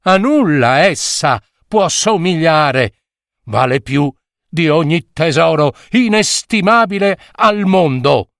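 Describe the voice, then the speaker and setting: A man's voice: a little high, expressive, takes it slowly, a bit bright, no room sound, studio quality, pitched above the performer's own voice, heavily acted. A man voicing a horrified, pious old village priest who speaks in a solemn, fervent way.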